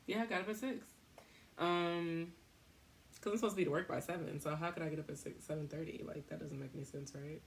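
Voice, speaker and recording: A woman's voice: deep voice, steady tone, fast talker, creaky. Woman, podcast host, casual rambling monologue, self-interrupting, laughs at herself, faint background noise.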